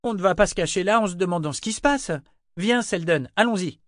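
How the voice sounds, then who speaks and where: A man voicing a sour, defiant young woman with a sharp, curt way of speaking, in an audiobook. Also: sits high, brisk, no room sound, clean studio sound, voice pushed up, close to an everyday voice. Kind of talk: audiobook character voice.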